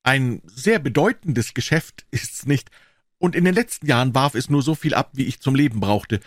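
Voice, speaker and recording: A man voicing an excitable middle-aged pawnbroker who talks in high, eager exclamations in an audiobook. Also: moderate pace, dry recording, clean studio sound, natural voice. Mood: chatty. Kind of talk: audiobook character voice.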